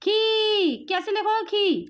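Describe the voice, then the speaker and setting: A woman from India leads a phonics lesson for a young learner. Her voice sits very high, and she takes each sound slowly, quizzing and repeating with steady patience. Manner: slow, patient drilling with repeated questions. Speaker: teacher. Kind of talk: home phonics lesson for parents.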